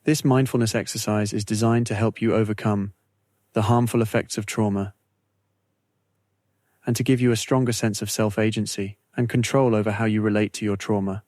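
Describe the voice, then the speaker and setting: In this scripted guided meditation, a fairly low-voiced man speaks with steady, very flat intonation and calming pauses between carefully placed phrases. The audio is dry and close-miked, without any room sound.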